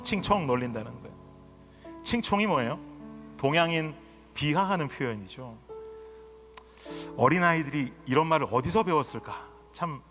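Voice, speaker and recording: Lively high-voiced pastor in echoing church. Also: male voice. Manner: storytelling, acts out his daughter's and others' voices, rises to emotional pleading. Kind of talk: sermon. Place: church sanctuary. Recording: reverberant sanctuary with faint guitar.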